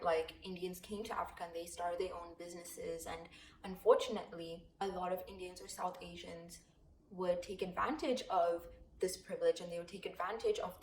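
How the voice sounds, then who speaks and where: A woman's voice: lowish voice, slight background noise. A young woman from Zimbabwe telling her personal story in a casual, reflective vlog, with frequent fillers. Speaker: vlogger. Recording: echoey room with faint ambience.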